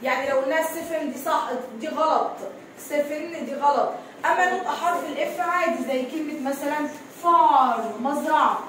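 A high-pitched woman with an Egyptian Arabic accent gives an English lesson. She reads slowly and repeats each sound many times. Her voice comes from a distance in a very echoey room, with a faint hiss behind it. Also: fairly bright tone. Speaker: English teacher. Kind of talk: classroom lesson, reading a story aloud and translating. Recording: echoey room, mic far off, light noise.

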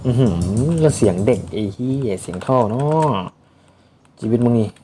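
A young man giving casual, excitable gameplay commentary and swearing often. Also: medium pitch, normal speed, a little hiss or hum. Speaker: gamer.

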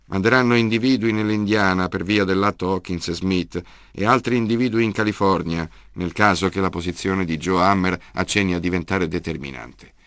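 A man voicing a stubborn, loud older grandfather in an audiobook reading, with a gravelly voice. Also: low voice, brisk, few pauses, dry recording, clean studio sound. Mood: indignant.

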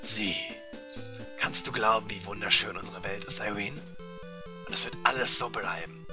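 A man doing a deep-voiced brooding ninja hero. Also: normal speed, over music, lightly acted. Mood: solemn. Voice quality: forced deep voice. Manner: pompous mock-heroic parody dub. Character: solemn brooding young male ninja hero. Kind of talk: parody dub over game cutscene.

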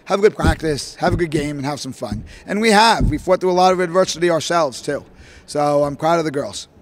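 A middle-aged male basketball coach answering questions at a postgame press conference, talking in animated, rambling bursts full of fillers into a podium microphone. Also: on the high side, brisk. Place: press room, standing at a podium before a logo backdrop.

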